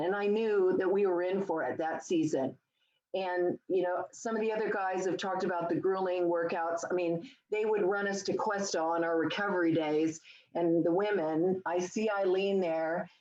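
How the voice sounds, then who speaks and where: A woman's voice: lowish voice, steady tone, moderate pace, darkish tone, dull audio. Woman in her 60s, echoey video call. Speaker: former athlete sharing memories.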